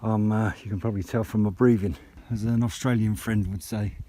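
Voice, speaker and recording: A British man, a vlogger and portable radio operator, chats casually outdoors on a sunny hilltop in a lowish, dark voice with a steady tone and slightly fast pace. His talk mixes vlog commentary and radio chat, with clear background noise in the recording.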